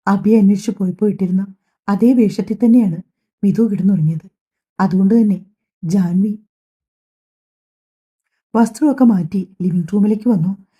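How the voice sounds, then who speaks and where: A woman tells a family drama as an audiobook, in a calm, even storytelling voice. Her tone is very dark and mellow, with a slight breathy edge. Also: medium pitch. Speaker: audiobook narrator. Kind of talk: scripted story narration voicing all characters.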